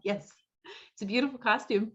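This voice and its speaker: Over a video call, a woman casually hosts an online fan club meeting, chatting and reacting to her guests. Her voice is fairly high, brisk and a bit rough, and the audio is lo-fi.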